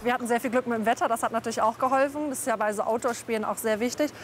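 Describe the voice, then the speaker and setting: A woman's voice: fairly high pitch, steady tone, rapid-fire. A woman in her thirties from Germany, chatting about playing an outdoor escape game. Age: 30s. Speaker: game participant. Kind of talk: casual interview remarks.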